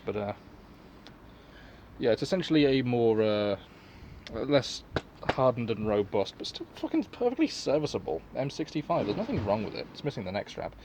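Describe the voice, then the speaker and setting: A man's voice: mid-range voice, big pitch swings, normal speed, darkish tone, a little hiss or hum. A man giving a casual, unscripted product review in a rambling, offhand, sweary way. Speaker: collector and reseller reviewing gas masks.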